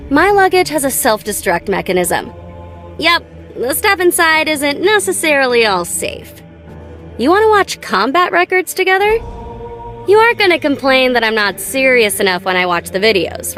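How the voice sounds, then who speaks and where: An American actress voices a young female gun-tech tinkerer in a video game, her high, slightly bright voice light and girlish as she teases in a breezy, casual, nonchalant way. These are scripted character lines recorded in a studio with game music playing behind her.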